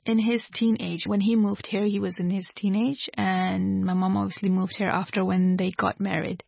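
A woman in her thirties from Hong Kong, answering interview questions casually with halting restarts. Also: mid-range voice, creaky, a little mellow, no room sound. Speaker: guest entrepreneur. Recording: dry, slightly muffled radio broadcast.

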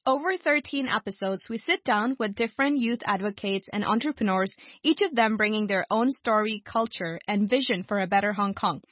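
A woman hosting a community radio interview show, speaking in a clear, measured way. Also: mid-range voice, a bit bright, no room sound. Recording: dull lo-fi radio broadcast.

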